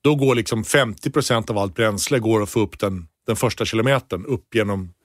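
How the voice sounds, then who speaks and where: A man co-hosting a casual podcast, a stand-up comedian telling stories animatedly, his voice jumping up high when excited. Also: dry recording, studio quality.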